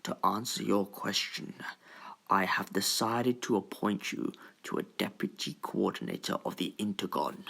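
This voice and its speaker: In a sci-fi audio drama, a male actor voices a stern, formal Time Lord president, delivering lines with pompous deliberation and weighty pauses. His voice is lowish, steady, gravelly, husky, a bit bright and exaggerated, and he sounds indignant.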